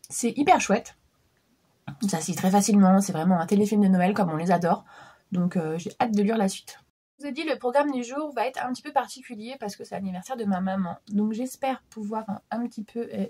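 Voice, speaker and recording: A woman in her thirties chats casually about books, her voice warm and slightly husky, her nose stuffed up from a cold. She rambles easily, filling pauses with little hesitations. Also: mid-range voice. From France. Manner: chatty, many fillers and restarts. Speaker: book vlogger. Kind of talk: casual chat.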